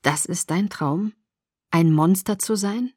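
A woman voicing a brooding young man who is cold and sorrowful, speaking low and hushed, at times in a whisper. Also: takes it slowly, breathy edge, no room sound, studio quality. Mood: mocking.

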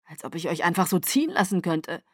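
A woman's voice: on the low side, expressive, brisk, dry recording, clean studio sound. A woman voicing a brash, teasing young male shapeshifter in an audiobook. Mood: cocky. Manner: cocky and teasing.

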